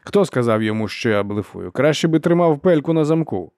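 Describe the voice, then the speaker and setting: A man's voice: mid-range voice, expressive, brisk, a little mellow, no echo, clean studio sound, voice pushed up, natural voice. A man doing a petulant young noble officer. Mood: indignant. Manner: indignant, petulant. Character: haughty young nobleman officer, hot-tempered, whiny.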